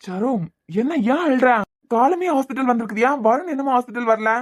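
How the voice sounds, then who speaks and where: A woman voicing a stern young man in a cartoon serial, speaking in a deep put-on male voice with a Kanyakumari Tamil accent, in terse commands. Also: expressive, fairly quick. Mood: firm, worried. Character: stern young man, worried father figure.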